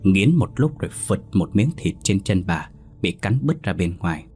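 A man narrating a horror story in a measured, dramatic way. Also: sits low, very animated, a little mellow, soft background music.

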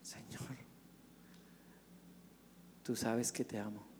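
Give me a preacher acting out a hushed, humble male disciple in a long-echo hall. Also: fairly high pitch, flat delivery, moderate pace, a little hiss or hum, close to an everyday voice. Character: humble grown male disciple, broken and devoted.

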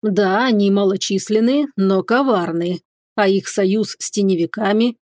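Woman playing haughty male lord, slow, disdainful, dry close sound. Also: mid-range voice, darkish tone, no room sound, natural voice. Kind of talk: audiobook reading.

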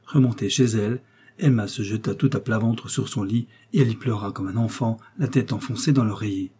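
A man reading a classic novel aloud in measured, expressive narration. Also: medium pitch, husky. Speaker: audiobook reader. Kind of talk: scripted literary narration.

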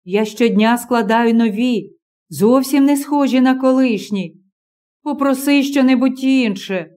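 A woman reading the part of a strange, moody young man in an audiobook, speaking slowly and drawn out. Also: fairly high pitch, dark tone, lightly acted. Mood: earnest.

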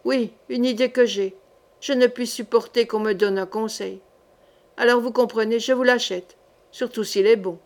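A woman's voice: fairly high pitch, steady tone, normal speed, natural voice. A woman reading a wry, teasing young male knight in an audiobook, dry and ironic.

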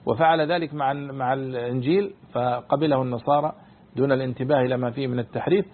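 A man's voice: mid-range voice, steady tone, fast talker. A man teaching a scripture commentary lesson, repeating and unpacking each phrase with many fillers. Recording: tinny phone-like lo-fi recording.

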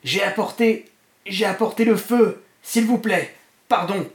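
A wild, half-mad man with a gurgling voice, pitched well above a normal speaking voice and pushed loud, pleading and crowing by turns, as a man reads him aloud. The recording has a roomy echo. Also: measured pace. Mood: frantic ecstasy. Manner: frantic, pleading and triumphant shouting.

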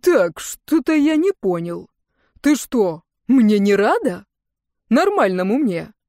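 A woman's voice: fairly high pitch, sing-song, slow pace, darkish tone, dry recording, studio quality, exaggerated voice. A woman voicing a lazy teasing cat familiar. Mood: mock-offended. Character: cheeky lazy young male cat familiar.

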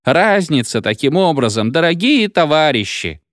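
A man acting out a harried male meeting speaker who drones his report like a wind-up machine, over and over. His voice swings high and low with agitation. The recording is close and dry, with no room sound. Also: lively intonation, brisk, no echo, natural voice. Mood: desperate. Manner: mechanical droning, repeats himself.

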